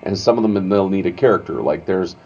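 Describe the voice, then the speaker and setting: A man's voice: low voice, brisk. A man, a radio morning show host, casually explaining his work with lots of fillers and restarts. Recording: slightly dull lo-fi sound with faint music.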